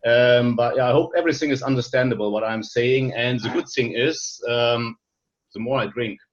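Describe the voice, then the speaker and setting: A man's voice: mid-range voice, normal speed, muffled recording. A man from Germany with a German accent, a non-native English speaker, giving a friendly, hesitant presentation full of fillers and restarts over a video call. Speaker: guest presenter.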